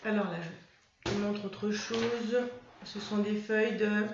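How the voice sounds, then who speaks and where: A woman primary school teacher gives a reading lesson to young first graders, patient and encouraging, in a mid-range, level voice at an unhurried pace. It's a roomy, slightly dull home recording with a noisy background.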